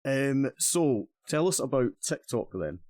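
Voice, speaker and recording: A Scottish man hosting a casual interview over a video call, chatty and quick to laugh. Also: medium pitch, big pitch swings, darkish tone, no room sound. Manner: chatty, laughs often, self-deprecating. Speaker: podcast host. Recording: dry.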